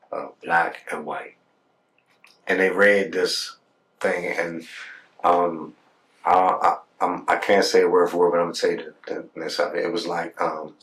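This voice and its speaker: A man's voice: deep voice, fairly bright tone, distant mic, poor audio. A man telling his life story in a casual podcast talk. He often repeats words when he gets heated and keeps asking "you know what I'm saying". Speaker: podcast guest.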